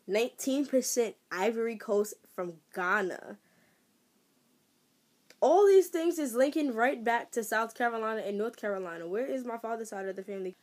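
A young woman vlogging casually, excitable and exclaiming as she thinks aloud while reading out results. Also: a little high, normal speed. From Trinidad. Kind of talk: casual vlog, reacting to results.

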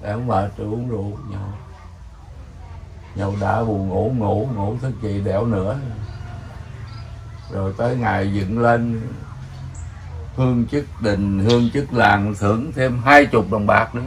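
An older man with a Southern Vietnamese accent, telling old village stories in a rambling, animated way, chuckling now and then. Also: on the low side, a little slow, pauses often, a little hiss or hum. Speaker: elder storyteller. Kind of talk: casual storytelling.

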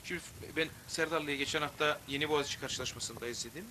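A man's voice: a little high, quick pace. A man analysing a football match as co-commentator, repeating short, emphatic verdicts. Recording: noisy background behind the voice.

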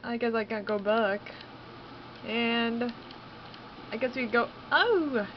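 Slow-talking excitable woman gamer. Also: fairly high pitch, dull audio, a little hiss or hum. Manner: excitable, exclaiming and laughing at the game. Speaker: let's play gamer. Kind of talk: casual game commentary.

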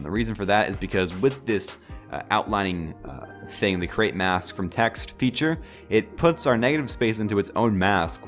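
Sick with a sore throat, a tutorial host with a deep, nasal, cracking voice talks through a casual screen recording of some software. His relaxed narration wanders and leans on fillers, with soft music in the background.

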